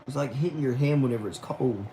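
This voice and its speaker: Chatting casually from home, a roughly twenty-year-old livestream host reads out viewer messages, peppering his talk with "y'all" and "man." He speaks quickly at medium pitch with a dark tone. The recording is rough, with a little hiss or hum.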